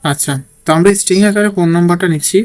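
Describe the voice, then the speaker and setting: Racing along in a high voice, a man teaches a programming lesson as he types, thinking aloud and checking in often with "okay?" in this screen-recorded coding tutorial.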